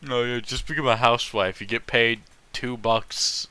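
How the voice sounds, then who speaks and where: In a clean, mid-range voice at a moderate pace, a man hosts a reading of fan fiction. He breaks off now and then for opinionated, animated, and profane casual remarks.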